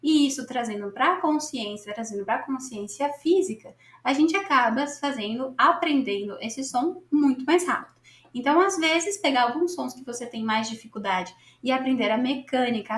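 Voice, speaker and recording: A Brazilian woman with a Brazilian Portuguese accent teaches a casual English lesson, chatty, encouraging and animated at a normal speed. She keeps checking in by asking "tudo bem?". Her high voice sounds roomy and echoey.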